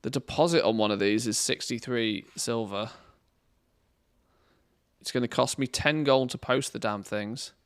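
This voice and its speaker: Male game streamer, casual rambling delivery, gravelly fry, dry room sound. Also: mid-range voice, unhurried, long pauses, no echo. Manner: rambling, addresses viewers informally. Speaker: game streamer and video maker. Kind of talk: casual livestream chat. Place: indoor studio room padded with cushions against echo.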